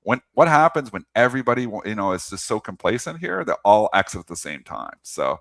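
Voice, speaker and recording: A man's voice: lowish voice, sing-song, a little fast, creaky, fairly bright tone, no echo. A man co-hosting a market talk show, ranting with passion and hammering his points through repetition.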